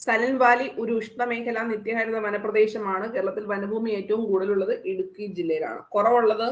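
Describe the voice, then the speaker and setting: A woman teacher with a Malayali accent runs through exam answers, chatty and quick, stopping to quiz her students. Her voice has an ordinary middle pitch and sits in a roomy space. The sound is dull, like a lo-fi online class. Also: fairly even intonation. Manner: quick, conversational, quizzing students.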